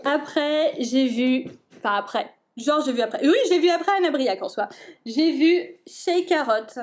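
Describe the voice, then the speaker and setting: Young woman, high bright pitch, chatty book vlogger, eager and gushing, lots of hesitations. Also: measured pace. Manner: excited, gushing, many fillers and restarts. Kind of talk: casual chat.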